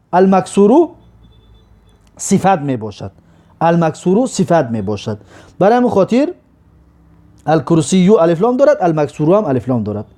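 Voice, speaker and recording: A man teaches a grammar lesson, walking through each example slowly and repeating every phrase. His voice sits high and moves a lot in pitch. The tone is mellow and dark. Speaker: Arabic teacher.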